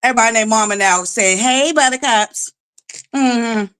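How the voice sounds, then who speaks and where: A woman hosting her own live stream, talking in a loud, boisterous and sassy way, sometimes bursting into shouts. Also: a little high, moderate pace, clean tone. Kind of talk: casual live-stream commentary.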